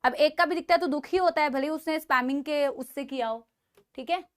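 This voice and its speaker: A woman with an Indian accent teaching a live online biology class, chatting and teasing her students and dictating notes slowly. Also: high-pitched.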